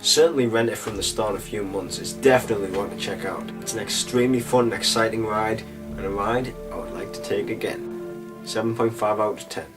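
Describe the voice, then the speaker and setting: Young guy reviewing films, low voice. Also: a little fast, distant mic, music in the background. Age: young adult. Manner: chatty and loose, with filler phrases. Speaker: film reviewer. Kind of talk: casual spoken movie review.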